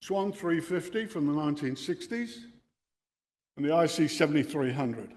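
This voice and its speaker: At an amateur radio club, an older Australian speaker lectures enthusiasts on technical topics at normal speed, his slightly high voice animated and darkish. The indoor meeting room, with equipment on a bench, gives the recording a reverberant, hall-like sound.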